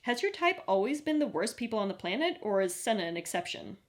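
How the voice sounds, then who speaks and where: A woman's voice: medium pitch, big pitch swings, fast talker, lightly acted. A woman voicing a blunt, exasperated young witch cousin who talks sarcastically.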